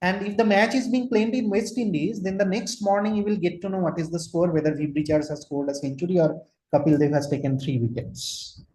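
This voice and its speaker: A man's voice: sits high, steady tone, fairly quick, darkish tone, slight background noise. A man in his forties from Kolkata with an Indian English accent, giving an online lecture, asking listeners questions and slipping into Hindi. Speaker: trainer, lecturer. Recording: roomy echo.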